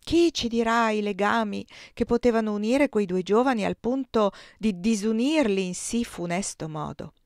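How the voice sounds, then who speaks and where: A woman's voice: mid-range voice, animated, moderate pace, hardly any pauses, no room sound, voice pushed up, natural voice. A smug older archivist who talks in a pedantic, mannered way, read by a woman in her own voice. The sound is dry and close, with no room around it. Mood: pompous.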